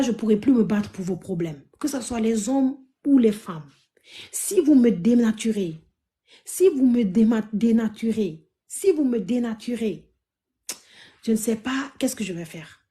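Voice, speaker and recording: A woman from Africa hosting a live stream, talking to her viewers in an emphatic, loud and pleading way. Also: a little high.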